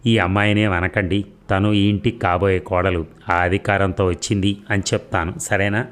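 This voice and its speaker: A teasing, coaxing young man from a storybook, read by a male narrator. The voice sits very low and speaks in an easy, playful tone. He can turn stern when it counts. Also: flat delivery, moderate pace, lightly acted. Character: young man, teasing yet caring lover.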